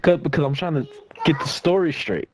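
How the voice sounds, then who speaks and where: A young man telling a story in casual chat while gaming, animated and laughing often. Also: brisk, a loud crowd. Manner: animated, laughing storyteller with big pitch jumps. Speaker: gamer chatting with friends. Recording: noisy game chat audio.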